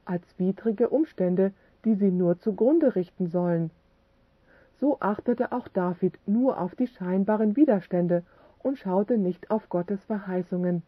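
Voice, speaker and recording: A woman reading a religious book aloud as scripted narration, steady and measured. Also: mid-range voice, breathy edge, no echo. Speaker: audiobook narrator. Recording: tinny phone-like dry audio.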